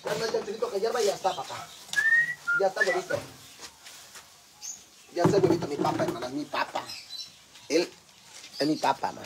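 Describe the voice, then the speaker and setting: Campy high-voiced Mexican man cooking live. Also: expressive, brisk, pauses often, heavy background noise. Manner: campy, teasing, foul-mouthed banter with viewers. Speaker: livestream cooking host. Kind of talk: casual cooking livestream chat.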